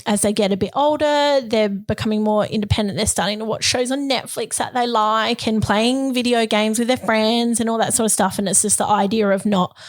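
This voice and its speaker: A middle-aged Australian woman co-hosting a casual podcast, her voice croaky as she recovers. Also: medium pitch, no room sound, studio quality. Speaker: podcast co-host. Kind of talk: casual conversational podcast chat.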